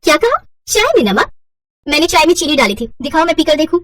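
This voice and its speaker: A woman's voice: high voice, big pitch swings, fast, a bit bright, far from the mic, voice pushed up. Woman doing a hot-tempered rival bahu. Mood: indignant. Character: hot-tempered young rival daughter-in-law.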